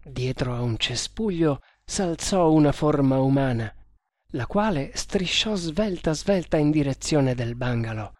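Audiobook narrator, adventure novel, slow measured pace, dry close sound. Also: mid-range voice, lively intonation, darkish tone, no room sound.

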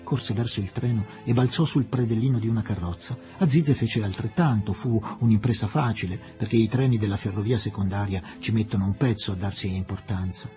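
A man reading a novel aloud as an expressive, dramatic audiobook narrator. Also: fairly low pitch, brisk, few pauses, faint music behind.

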